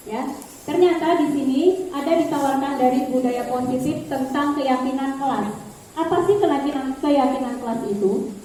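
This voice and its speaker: A woman's voice: high-pitched, moderate pace, warm tone, a little hiss or hum. A woman teacher explaining classroom practice to colleagues, repeating key terms and addressing them as Bu. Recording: echoey room from far off.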